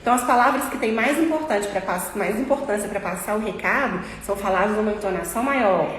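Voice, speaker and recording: A woman's voice: mid-range voice, fast, slight background noise. A Brazilian woman who teaches English gives an informal lesson, explaining patiently, step by step, and repeating her key points. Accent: Brazilian Portuguese. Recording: echoey room with long reverb and faint ambience.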